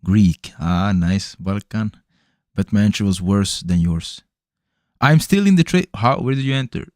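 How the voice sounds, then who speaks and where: A man's voice: on the low side, expressive, a little slow, darkish tone, dry recording, clean studio sound. A young man doing casual live-stream commentary on his trades, chatty and loose, calling his viewers bro. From Serbian parents, raised elsewhere in Europe. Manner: loose, chatty, swears and laughs, talks to chat as bro. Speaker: livestreaming futures trader.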